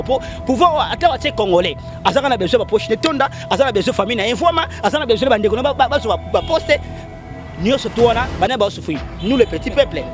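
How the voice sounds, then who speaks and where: A man being interviewed outdoors, giving animated, opinionated answers and sometimes breaking into song. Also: very high-pitched. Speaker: guest. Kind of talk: casual interview talk. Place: outdoors against a concrete wall. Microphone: handheld microphone held by the host.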